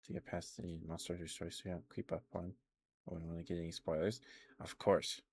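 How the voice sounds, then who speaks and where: This live streamer is a man doing ASMR, speaking fast in a low, slightly mellow voice with a flat delivery. He rambles hesitantly and casually to his live viewers, close to the microphone.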